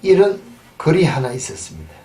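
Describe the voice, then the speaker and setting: A male pastor preaching a sermon and telling a story, swinging between loud emphatic bursts and quiet asides. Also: fairly high pitch, wildly swooping pitch, brisk. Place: church sanctuary. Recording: distant mic with faint background noise.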